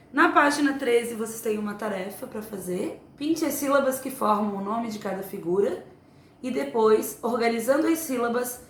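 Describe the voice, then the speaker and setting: A woman teacher giving a remote lesson to young children, explaining slowly and patiently. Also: a little high, a bit bright, slight background noise. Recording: echoey room, faint ambience.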